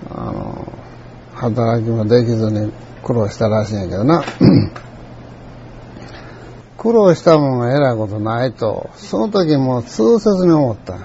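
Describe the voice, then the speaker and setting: An older man with a Kansai accent telling a rambling, reflective story in a folksy way, often clearing his throat. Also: mid-range voice, big pitch swings, a little slow, pauses often, warm tone, dull audio, slight background noise. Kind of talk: reflective monologue.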